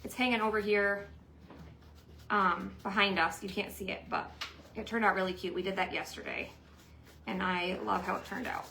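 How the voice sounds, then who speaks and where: Bright, chatty woman hosting a craft stream. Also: medium pitch, steady tone, moderate pace, vocal fry, long pauses, a little hiss or hum, low-quality recording. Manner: chatty, laughing, teasing her husband. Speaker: craft livestream host. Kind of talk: casual craft livestream chat. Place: home workroom.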